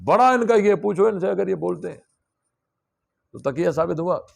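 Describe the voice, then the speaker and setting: Gravelly-voiced male religious teacher. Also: sits high, lively intonation. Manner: explains step by step, asks students questions. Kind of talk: classroom lesson on scripture.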